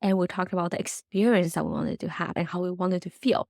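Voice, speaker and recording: A woman's voice: lowish voice, steady tone, a little fast, a little mellow, no echo, studio quality. A woman hosting a solo podcast, talking in an earnest, encouraging way and often checking in with "right?". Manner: earnest, encouraging, uses many "right?" tags. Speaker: podcast host.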